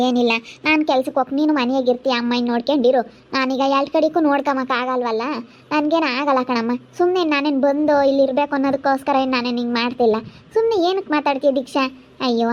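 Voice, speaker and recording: A woman playing a sharp-tongued sister who argues over caring for their parents, with a rural central Karnataka accent. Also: high voice, close to an everyday voice. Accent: rural central Karnataka Kannada. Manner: scolding, argumentative. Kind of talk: amateur family drama acting. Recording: muffled lo-fi recording.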